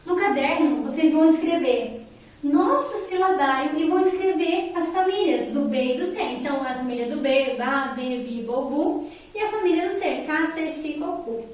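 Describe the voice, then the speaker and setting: High-voiced Brazilian teacher in an echoey room. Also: female voice, a little mellow. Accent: Brazilian Portuguese. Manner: patient, explanatory, often checks in with "né?" and "tá bom?". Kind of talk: remote lesson for children and parents. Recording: very echoey room, mic far away.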